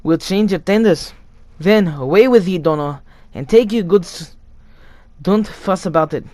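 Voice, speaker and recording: A man's voice: high-pitched, unhurried, a little mellow, no echo, voice pushed up. A man voicing a firm train driver giving urgent orders in a storybook reading. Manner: urgent, commanding.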